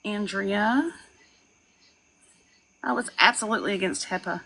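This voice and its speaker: A young woman on a live stream, ranting and gossiping in a loud, profane way, with laughs and shouted lines. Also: mid-range voice, unhurried, creaky, poor audio. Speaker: livestreamer. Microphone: phone.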